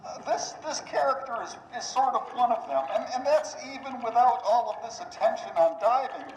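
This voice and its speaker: A woman's voice: fairly high pitch, expressive, brisk, darkish tone. Echoey woman diver speaking underwater. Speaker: volunteer scuba diver. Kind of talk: presenting to visitors in a live aquarium talk. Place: underwater in aquarium tank, through diver communication system. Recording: echoey diver mask microphone, background noise.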